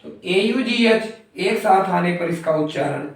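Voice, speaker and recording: Slow, patient male teacher in echoey room. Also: high-pitched. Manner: slow, patient, repeats each example word. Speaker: English teacher. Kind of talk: spoken phonics lesson. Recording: very echoey room, mic far off.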